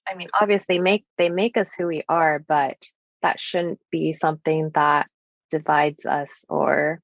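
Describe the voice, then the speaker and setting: Here a podcast guest, a young US woman who grew up speaking Japanese, shares thoughtful, earnest reflections peppered with casual fillers. Her voice is deep, and the room adds no sound. The sound quality is dull and lo-fi.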